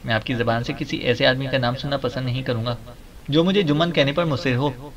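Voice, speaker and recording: A man's voice: mid-range voice, fairly even intonation, close to an everyday voice. A man voicing a huffy bearded sidekick. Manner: huffy, complaining. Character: fussy bearded male sidekick.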